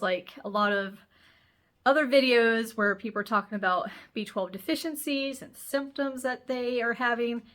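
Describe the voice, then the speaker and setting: A woman's voice: fairly high pitch, fairly bright tone. A woman hosting a health channel, talking casually to camera in a chatty, rambling way, sounding nasal and congested.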